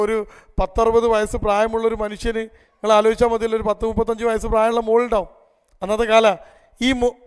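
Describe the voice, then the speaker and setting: A man's voice: high-pitched, clean tone. A man tells stories to a live audience and keeps asking them rhetorical questions. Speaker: public speaker. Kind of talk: storytelling family talk to an audience. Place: event hall before a live audience. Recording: long echo of a large hall.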